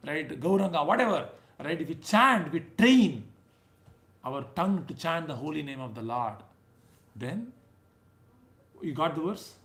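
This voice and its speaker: Leading a scripture class, this South Indian spiritual teacher in his thirties has a somewhat high, a bit bright voice, animated but measured and often pausing. He gives a casual sermon of stories and chanted verses, emphatic throughout, regularly checking with listeners through a closing "right?".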